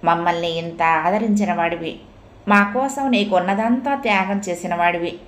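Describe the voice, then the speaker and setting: A woman voicing a melodramatic, wailing old mother, with a high, crying voice in a roomy-sounding recording. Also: moderate pace, close to an everyday voice. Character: old blind mother, tearful and overjoyed. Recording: roomy echo.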